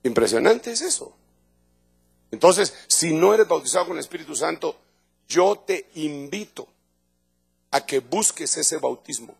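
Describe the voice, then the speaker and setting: Here the pastor, a middle-aged man with a Guatemalan accent, sounds husky and fairly high, with lively intonation, vocal fry, and a slightly slow pace broken by long pauses. Faint music plays behind his emphatic, conversational evangelical sermon to the church congregation, where he keeps repeating words and restarting phrases.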